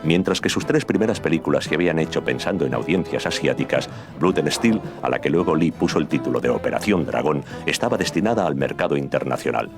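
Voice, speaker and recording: A man giving scripted documentary narration in a measured, steady delivery. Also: extremely low pitch. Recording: music bed under the voice.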